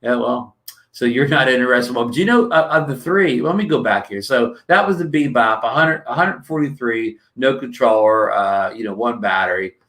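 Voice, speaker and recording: A man's voice: mid-range voice, moderate pace, fairly bright tone. A man from New Jersey hosting a casual livestream, rambling with many fillers and restarts and greeting viewers, his throat dry. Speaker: livestream host.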